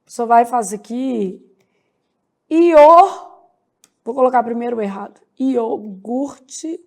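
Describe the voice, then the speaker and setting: A woman teaching a grammar lesson, drawing out each example word slowly and checking in with "né?" and "beleza?". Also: on the high side, fairly even intonation, creaky, warm tone. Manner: slow, spells out words syllable by syllable, frequent "né?" and "beleza?". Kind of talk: grammar lecture.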